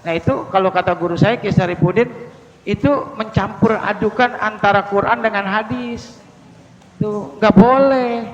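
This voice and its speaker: A male Indonesian preacher teaching prayer recitation, drilling words slowly with strong stress on each sound. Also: high voice, fairly even intonation, lo-fi sound. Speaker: Islamic preacher. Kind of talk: religious teaching talk. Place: mosque hall. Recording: long hall reverb.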